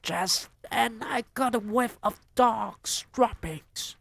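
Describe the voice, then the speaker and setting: A man voicing a shrill female witch who keeps sniffing out a hidden child, in a raised shrieking voice. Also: slow, creaky, a bit bright, no room sound, full character voice. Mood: urgent alarm.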